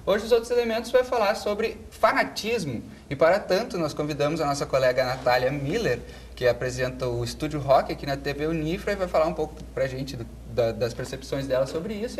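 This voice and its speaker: A woman's voice: sits low, slight background noise. A woman hosting a casual panel talk show, leading the talk and asking questions. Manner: leads the talk, asks questions.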